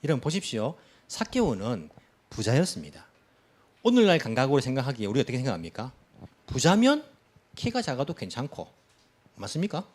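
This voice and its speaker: A man's voice: mid-range voice, wildly swooping pitch, fairly quick, long pauses, darkish tone. A middle-aged man, a pastor, preaching a sermon in church, chatting with the congregation through questions and little acted-out quotes.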